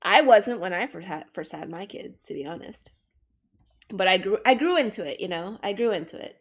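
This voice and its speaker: A woman's voice: medium pitch, animated, a little fast, husky. A young adult woman streaming while she draws, chatting frankly and casually, swearing freely and laughing often. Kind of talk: casual chat while drawing.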